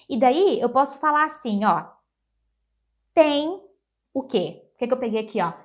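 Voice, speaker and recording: A woman whose speaking voice sits a touch high, teaching English in a relaxed video lesson. She explains things in quick, animated bursts and then says her English examples slowly and carefully, word by word. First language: Portuguese.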